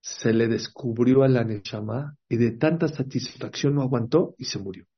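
A man teaching a Torah class as a rabbi, telling stories lively and asking his listeners questions. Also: medium pitch, moderate pace, slightly rough. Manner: lively storyteller, acts out quotes, asks the audience questions. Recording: dull lo-fi recording.

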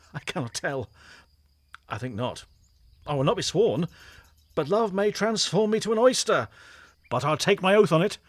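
A man's voice: a little high, no echo. A man playing a mocking bachelor soldier. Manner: mocking, mercurial, swinging from muttering to loud outbursts. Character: witty, scornful young bachelor soldier mocking love. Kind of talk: stage play performance.

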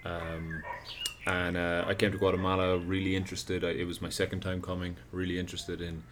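A man's voice: low-pitched, completely flat delivery, brisk. An Irish man in his thirties, a podcast guest chatting casually on an outdoor deck, rambling with restarts. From Ireland. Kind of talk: casual chat. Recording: noisy outdoor background.

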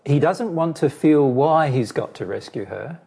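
The speaker is a spiritual teacher losing his voice as he explains a personal question at length to a listener. His voice is a little high, gravelly and slightly rough, with a dark tone and lively intonation. His delivery is measured, with repeated and restarted phrases.

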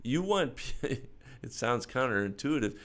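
An older American man, an interview guest and film maker, chats casually about films and politics, thinking aloud hesitantly about his views. His mid-range voice is fairly bright in tone and very animated, though his pace is unhurried.

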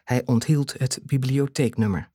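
Narrator for a dark thriller audiobook: husky tone, lively pitch, measured delivery with dramatic pauses, dry close sound. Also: no room sound.

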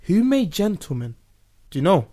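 A man's voice: high voice, big pitch swings, normal speed, mellow. A man hosting a casual chat with friends, laid-back and steering the topics. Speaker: podcast host.

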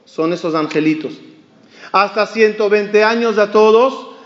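A male rabbi giving an animated sermon, asking the audience questions and acting out the lines of a story. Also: sits high, a little slow. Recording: dull, echoey hall recording.

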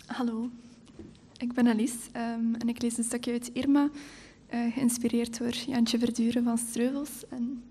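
A woman reads her own story aloud on stage at a live event. Her voice is fairly high but mellow, and her delivery stays even and flat. She reads with a steady, measured pace. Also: breathy edge. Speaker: author reading her story. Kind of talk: live literary reading.

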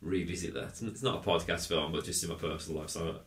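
A man co-hosting a film podcast, talking in a rambling, animated way and laughing often. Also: low-pitched, quick pace, gravelly. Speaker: podcast co-host. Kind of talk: casual film review chat. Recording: roomy echo.

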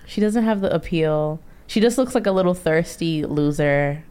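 Blunt, low-voiced woman podcast co-host. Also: normal speed, smooth. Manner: blunt, animated, mimics characters. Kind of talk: casual chat.

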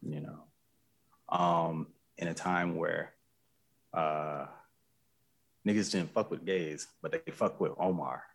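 Podcast co-host, man with a deep gravelly voice, reflective and earnest. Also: fairly even intonation, takes it slowly, long pauses. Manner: reflective, earnest, many restarts. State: choked up with emotion. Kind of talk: casual conversation.

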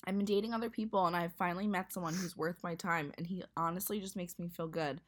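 A woman's voice: on the low side, steady tone, quick pace. A woman co-hosting a casual podcast and reading listener emails aloud, her voice stuffed up from allergies. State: congested from allergies. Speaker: podcast co-host.

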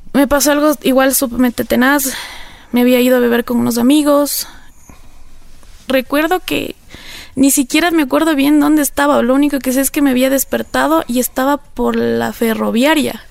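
Woman, interview guest, earnest reflective testimony, gravelly fry, dry close sound. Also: high-pitched, no echo. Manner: earnest, reflective, many filler phrases. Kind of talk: personal testimony in conversation.

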